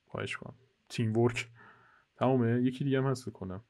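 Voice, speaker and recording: مرد جوان شوخ در حال گزارش بازی. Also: male voice, medium pitch, mellow. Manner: joking, teasing, chatty guide to viewers. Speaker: gaming channel host. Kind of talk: casual co-op gameplay commentary. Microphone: headset.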